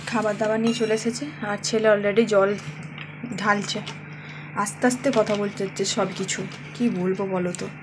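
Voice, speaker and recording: A woman's voice: mid-range voice, fairly even intonation, normal speed, background noise. A woman in her thirties, chatting casually to her viewers as she records a home vlog. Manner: chatty, talks straight to viewers. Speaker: family vlogger.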